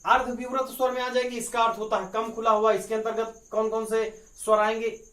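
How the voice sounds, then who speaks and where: A man's voice: high-pitched, flat delivery, brisk, fairly bright tone. A male teacher giving an exam-prep grammar lesson, asking rhetorical questions and answering them himself as he drills the points. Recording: echoey room with crickets outside.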